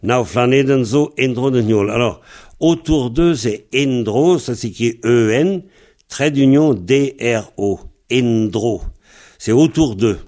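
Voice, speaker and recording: Man, language teacher, slow delivery, patient, repeats words to model pronunciation. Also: medium pitch, darkish tone. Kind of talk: spoken language lesson.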